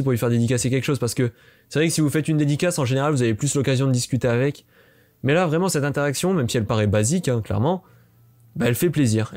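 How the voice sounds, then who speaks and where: This vlogger, a young Frenchman, has a medium-pitched and slightly mellow voice. He recounts meeting his fans in a quick, casual, talkative style loaded with fillers.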